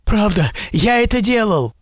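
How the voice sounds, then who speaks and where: A man voicing a frightened rich merchant who begs for his life in a high, wailing voice. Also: takes it slowly, sharp tone, no room sound, clean studio sound, heavily acted. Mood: alarmed. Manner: high-pitched, begging and wailing. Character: terrified pleading rich male merchant.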